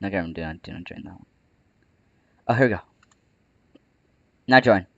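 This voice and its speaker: A man's voice: low-pitched, normal speed, creaky, fairly bright tone, no room sound, lo-fi sound. A man with the hiccups, chatting casually over gameplay, with a bit of playful trash talk. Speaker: gaming channel host. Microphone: close desk microphone.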